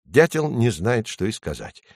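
A man narrating a children's storybook in an expressive storytelling manner. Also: on the low side, normal speed, gravelly, no echo, studio quality. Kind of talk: storybook reading.

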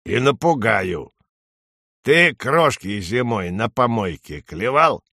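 A man voicing a nagging old female crow with a hoarse, unpleasant voice, scolding slowly. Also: mid-range voice, animated, bright, forceful tone, dry recording, studio quality, heavily acted. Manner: slow, scolding.

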